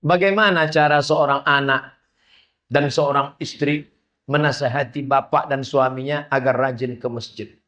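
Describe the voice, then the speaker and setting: A male preacher giving a sermon in an emphatic, animated way, full of rhetorical questions. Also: medium pitch, normal speed.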